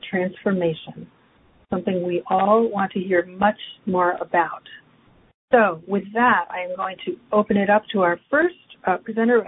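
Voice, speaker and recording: A woman moderating a webinar, reading formal, measured speaker introductions. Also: mid-range voice. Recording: tinny phone line with faint noise.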